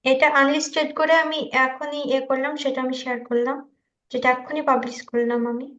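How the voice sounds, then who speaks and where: An Indian woman gives a casual screen-share presentation to an online group video call, her high voice fairly quick, a bit bright, and with little pitch movement. She comes across as slightly nervous and hesitant. The call audio is echoey and muffled.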